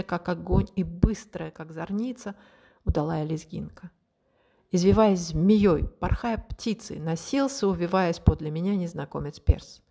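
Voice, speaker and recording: A woman narrates an audiobook in the first person with a lowish voice. Her reading is expressive and dramatic, leaning into the rhythm of the prose. She carries the story steadily from line to line. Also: vocal fry.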